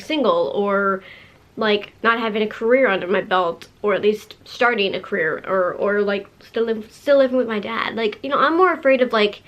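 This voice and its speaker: A woman's voice: medium pitch, a bit bright, highs cut off. A woman in her late twenties talking casually to her viewers in a bubbly, sassy way, full of fillers and restarts. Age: 20s. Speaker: vlogger. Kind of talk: casual talk to camera.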